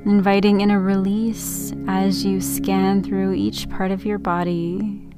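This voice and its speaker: Gentle woman guiding sleep meditation over music. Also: medium pitch, little pitch movement. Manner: gentle, unhurried sleep-story delivery. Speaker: meditation podcast host and yoga teacher. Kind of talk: slow, soothing guided sleep meditation narration.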